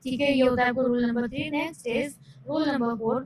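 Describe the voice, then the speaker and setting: High-voiced woman teaching English spelling. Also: fairly even intonation, crowd noise, poor audio. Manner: reads English rules slowly, then explains in quick Hindi; asks questions and answers them herself. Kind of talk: explaining a lesson in Hindi with English terms.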